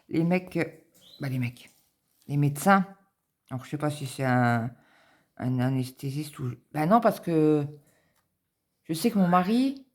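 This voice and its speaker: A middle-aged woman chatting casually and anxiously, rambling with many fillers and repetitions. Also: low voice. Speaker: cross-stitch vlogger.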